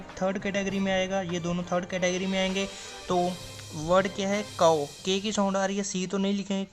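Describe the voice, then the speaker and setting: A man explaining a stenography lesson step by step, drawing out example words and answering his own questions. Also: high-pitched. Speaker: stenography teacher. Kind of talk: classroom explanation.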